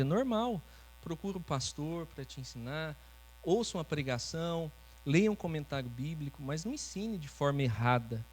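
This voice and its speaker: Pastor, male, chatty teaching sermon, slightly high voice, light mains hum on the recording. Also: poor audio. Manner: conversational, often ends phrases with "né?". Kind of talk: teaching sermon with congregation interaction.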